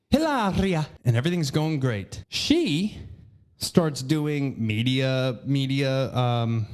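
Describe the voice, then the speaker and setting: A man hosting a podcast, ranting comedically in a crude, rambling way. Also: medium pitch. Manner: crude, animated, rambling asides. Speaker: podcast host.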